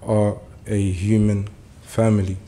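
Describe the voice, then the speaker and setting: In a meeting room, a young community speaker from Germany delivers an earnest speech that begins haltingly, packed with fillers, before rising into urgent appeals. His voice is fairly low and mellow, with a flat delivery and slow pace.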